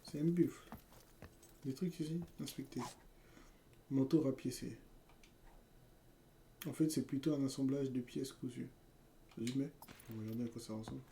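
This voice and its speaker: Slangy young French gamer commentating. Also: male voice, medium pitch, steady tone, normal speed, vocal fry, long pauses, a little hiss or hum. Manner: slangy, reads game text aloud, bursts into loud shouts. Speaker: let's play gamer. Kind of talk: casual gameplay commentary.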